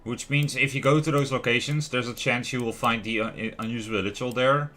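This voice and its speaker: His mid-range voice comes out a little fast, pushed and bright, with fairly even intonation. As he livestreams a video game, he gives casual commentary, wondering aloud and regularly trailing off to question himself. Lo-fi music and the sounds of typing and clicking fill the background.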